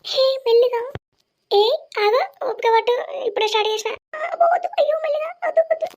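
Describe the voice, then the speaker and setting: A coy, flirty village woman, played by a woman in a cartoon, her voice pushed far up into squeals. She protests quickly and playfully. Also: very high voice, darkish tone, pitched above the performer's own voice. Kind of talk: cartoon voice acting.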